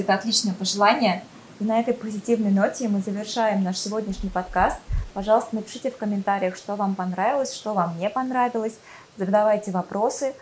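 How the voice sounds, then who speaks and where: A woman's voice: mid-range voice, a little mellow, a little hiss or hum. A woman hosting a podcast in a conversational interviewing style. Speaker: podcast host.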